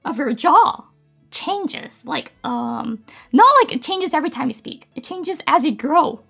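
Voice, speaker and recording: A woman streamer, a native Japanese speaker, chats casually on a live stream, giggling often and using lots of fillers. Her voice sits high and is creaky and fairly bright, with lively intonation and a slightly slow pace. Faint music plays in the background.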